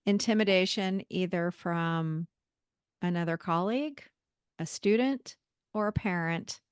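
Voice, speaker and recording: A woman's voice: on the low side, measured pace, smooth, dry recording, clean studio sound. A woman hosting a podcast interview, affirming her guest in casual chat. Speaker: podcast host.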